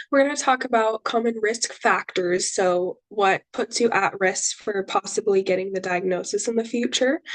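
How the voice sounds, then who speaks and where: A young adult woman, a dietitian recovering from a cold, presents a webinar in a chatty, reassuring style full of ums. Her voice is fairly high, and the recording quality is low. It's a casual educational presentation.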